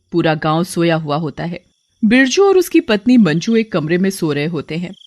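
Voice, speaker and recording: A woman narrating a village horror story for a cartoon, in an even, steady way. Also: on the low side.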